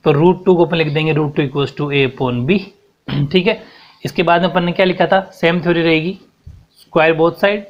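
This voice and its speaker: Young male math teacher, fairly high voice, lo-fi sound. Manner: explains step by step, mixing in English terms, keeps checking understanding. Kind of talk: whiteboard math lesson. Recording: dull lo-fi recording.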